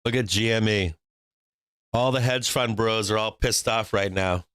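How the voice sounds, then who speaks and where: This Boston-born stock livestream host, faintly accented, cracks jokes and laughs often between calls with a brash manner. The voice is fairly low, measured, clear and resonant with a slightly bright edge, studio quality and echo-free.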